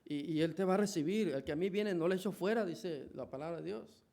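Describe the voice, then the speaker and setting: Mexican guy preaching in church, kinda high voice, lots of restarts and questions to the crowd. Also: brisk, gravelly, mellow. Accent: Mexican Spanish. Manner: conversational preaching, with many restarts and rhetorical questions. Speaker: pastor. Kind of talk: sermon.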